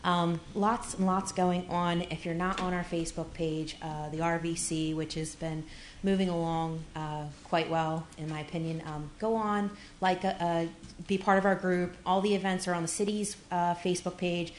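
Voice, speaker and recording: At a public city meeting in an echoey council chamber, a city events organizer offers upbeat, chatty remarks packed with fillers. Her voice is on the low side and level, at normal speed, with slight background noise.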